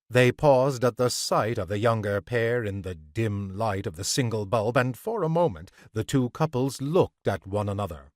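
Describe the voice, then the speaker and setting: A man reads a crime short story aloud in a measured, unhurried way. His pace is slow and deliberate. The recording is dry and close. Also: medium pitch, no echo. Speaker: podcast reader of short stories.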